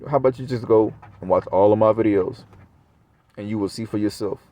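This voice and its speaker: Low-voiced man, profane rambling vlog. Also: a little fast, mellow. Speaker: vlogger. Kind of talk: casual monologue to camera.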